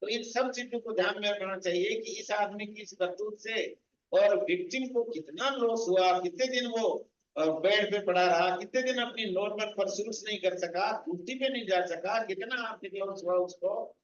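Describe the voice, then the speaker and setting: A man teaching a law coaching class, mixing Hindi with slow, deliberate English legal phrases. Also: high-pitched. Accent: Rajasthani Hindi. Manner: addresses students directly, explaining step by step. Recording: echoey, distant, muffled room recording.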